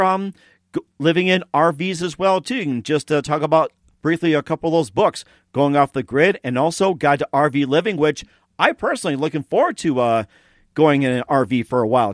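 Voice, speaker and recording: Male host, slightly high voice, interview chat and promo reads, dry studio recording. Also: no echo. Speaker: radio show host. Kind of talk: interview hosting with scripted promos.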